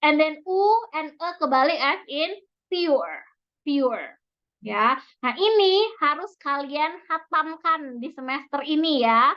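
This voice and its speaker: A woman with an Indonesian accent giving a pronunciation lecture, explaining slowly and repeating each example word, in a dull lo-fi recording. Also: high voice. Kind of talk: recorded online lecture mixing Indonesian and English.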